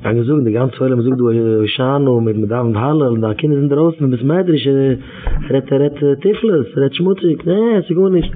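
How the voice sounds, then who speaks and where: A man's voice: mid-range voice, quick pace. A man giving an informal religious talk, exhorting his listeners and repeating his phrases again and again. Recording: tinny phone-like radio recording.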